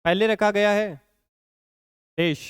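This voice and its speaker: In a slow, steady, smooth high voice, a man gives a shorthand lesson, recorded with studio quality and no room sound. He is patient with his students, going over points again and frequently asking "ठीक है."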